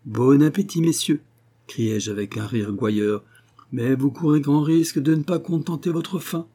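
A man's voice: mid-range voice, fairly even intonation, moderate pace, warm tone, pitched above the performer's own voice, close to an everyday voice. A man reading aloud, voicing a brash, tipsy young clerk who boasts at a dinner table. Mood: boastful. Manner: cocky, swaggering.

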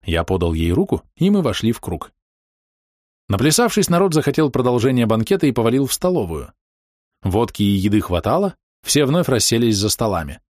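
A man narrating an audiobook in the first person with an expressive, storytelling delivery. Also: medium pitch, fairly quick, dry recording, clean studio sound.

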